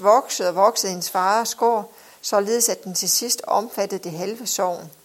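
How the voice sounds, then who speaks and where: A woman narrating an audiobook in a measured, expressive reading style. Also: mid-range voice.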